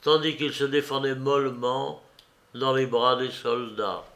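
A man narrating a literary novel as an audiobook in a slow, measured reading. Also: mid-range voice, steady tone, creaky, a bit bright.

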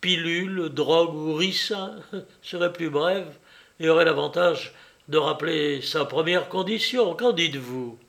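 A man reading a literary novel aloud in a measured, wry and reflective storytelling manner. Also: fairly high pitch, gravelly, a bit bright. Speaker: audiobook reader. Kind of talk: literary audiobook narration.

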